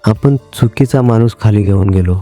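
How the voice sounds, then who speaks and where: A man's voice: lowish voice, normal speed, dark tone, soft background music, natural voice. A man doing a grim, terse village elder. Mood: grave. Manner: terse, ominous replies. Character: grim older man, village elder who knows secrets.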